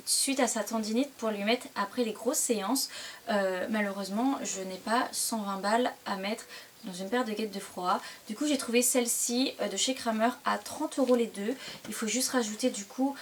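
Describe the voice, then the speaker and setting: A woman's voice: a little high, normal speed. A young woman in her twenties, chatting casually with lots of fillers and hesitations as she shows items in a haul video at home. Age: 20s. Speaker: vlogger. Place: indoors at home. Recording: distant mic with clear background noise.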